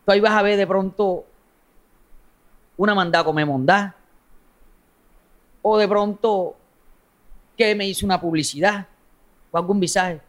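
Casting: male content creator, coastal Colombian accent, high voice, outspoken and sweary, casual interview talk. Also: measured pace, long pauses. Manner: blunt, slangy, foul-mouthed. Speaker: social media content creator being interviewed.

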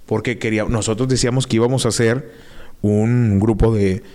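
A man's voice: fairly low pitch, fairly quick. A young man with a northern Mexican accent casually telling childhood stories on a podcast, full of slang and acted-out quotes. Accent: northern Mexican, Monterrey. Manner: slangy, animated, acts out quotes. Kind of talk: casual storytelling.

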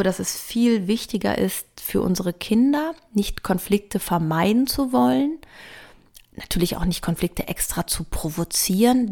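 A woman hosting a podcast and giving parenting advice in a calm, earnest monologue, talking through her points one by one. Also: medium pitch, creaky. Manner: earnest, reflective, lists points calmly. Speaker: podcast host and parenting author.

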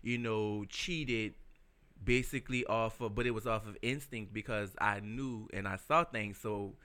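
A man co-hosting a casual podcast chat, candid and confessional, talking in halting starts. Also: fairly low pitch, fairly even intonation, clear, resonant tone. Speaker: podcast co-host. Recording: loud hip hop music behind voice.

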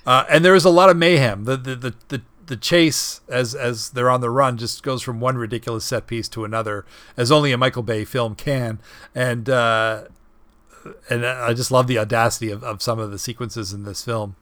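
A man co-hosting a casual film review podcast, talking in a halting way with many restarts and fillers and chuckling often. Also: mid-range voice, steady tone, a bit bright, no room sound. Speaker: podcast co-host.

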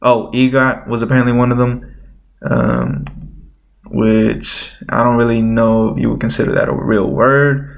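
A man's voice: mid-range voice, lively intonation, unhurried, creaky. A man with a nasal, slightly stuffed-up voice, rambling informally as he hosts an unscripted solo show. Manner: rambling, informal, thinking aloud. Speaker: host of a solo podcast. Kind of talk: unscripted casual chat.

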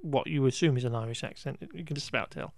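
A man chats through a film recap in a loose, meandering way, trailing off and restarting as he pokes fun at what he saw. His voice sits at an ordinary middle pitch. The recording is dry and close, with no room sound around him. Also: fast, creaky, no echo. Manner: rambling, wry and exasperated, with frequent restarts and laughs; occasional swearing. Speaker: podcast host recapping a film. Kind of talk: casual chat.

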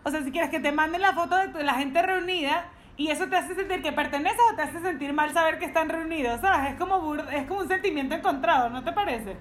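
A woman chats in a reflective way and laughs easily. Her voice sits high. Faint noise runs behind her. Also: fast talker, hardly any pauses, a bit bright. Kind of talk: casual chat.

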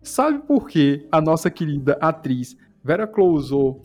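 A man's voice: fairly high pitch, unhurried. A man hosting a casual film discussion, retelling scenes with lots of rhetorical questions. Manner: animated storyteller, asks rhetorical questions. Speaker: podcast host.

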